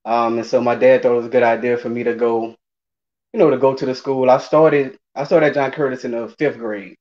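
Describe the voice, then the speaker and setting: Over dull, lo-fi video call audio, a former college running back in his forties talks from indoors as an interview guest. He's from New Orleans, Louisiana, and his accent shows it; his mid-range voice holds a steady tone at a fairly quick pace while he chats casually and hesitantly.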